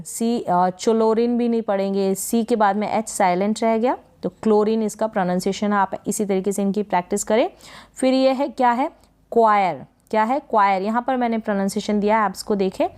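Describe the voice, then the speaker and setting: A woman giving a spelling and pronunciation lesson in a smooth, clear voice at a middle pitch. She speaks patiently, repeating each word and posing questions to the learner before answering them herself. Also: darkish tone. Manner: patient, repeats words and asks rhetorical questions. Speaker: English teacher.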